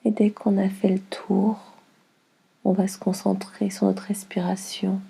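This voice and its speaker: Speaking as a yoga nidra guide, a woman leads a relaxation session soothingly and without hurry. Her medium-pitched voice is soft, heavily creaky and huskily breathy. She keeps things very even, leaving long pauses between short instructions.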